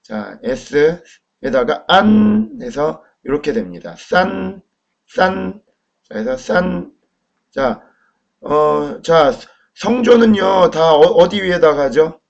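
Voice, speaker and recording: A man gives a friendly recorded language lesson and keeps turning to the viewer with quick questions. His voice sits a bit high for a man. The sound is dull and lo-fi. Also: big pitch swings. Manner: talks to viewers with quick questions, models pronunciation loudly. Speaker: Chinese language teacher. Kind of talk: friendly classroom lecture.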